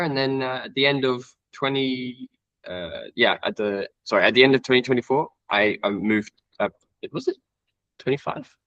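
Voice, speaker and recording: Young man with a bright, forceful voice. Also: mid-range voice, dry recording, muffled recording. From Iceland. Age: 20s. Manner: relaxed, rambling with many fillers and self-corrections. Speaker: guest, trail runner. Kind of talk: casual interview chat.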